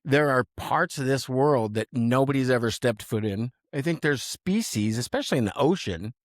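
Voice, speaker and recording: A man's voice: medium pitch, animated, normal speed, dry recording, studio quality. A young man co-hosting a podcast from a small office, rambling casually with plenty of fillers and restarts. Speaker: podcast co-host. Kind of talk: casual unscripted chat.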